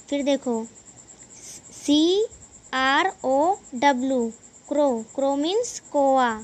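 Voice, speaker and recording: A woman teaching young children English, slowly spelling out each word letter by letter and explaining it. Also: sits high. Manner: slow, spells words letter by letter.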